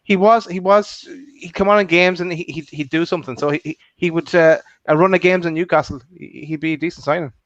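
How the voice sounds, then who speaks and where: A man's voice: on the high side, fairly even intonation, fairly quick, few pauses, no room sound. A man with a west of Ireland accent chats casually about football as a panellist. He is hesitant and doubles back on words. The sound is dry and somewhat muffled, as on a lo-fi call. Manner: hesitant, repeats words as he goes. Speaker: panellist on a football fan show. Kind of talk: casual chat.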